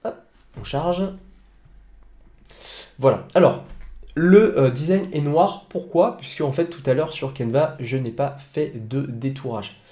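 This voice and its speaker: A man's voice: fairly high pitch, measured pace, long pauses, dark tone, reverberant. A young man walking viewers through an online store setup in a screen-recorded tutorial, hesitant, with many fillers and restarts, in a home office with a computer fan humming.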